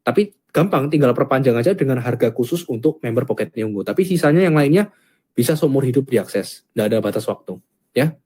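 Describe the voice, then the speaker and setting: A man giving a casual, chatty sales pitch for a Japanese language course, often tagging phrases with a quick "gitu ya". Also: animated, darkish tone, breathy edge.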